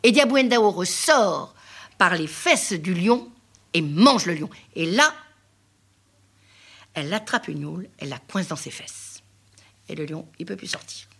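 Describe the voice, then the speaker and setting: A woman storyteller telling a folk tale in a rhythmic, repetitive way, dropping often into hushed whispers. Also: on the low side, animated, unhurried, vocal fry, pauses often, slightly rough.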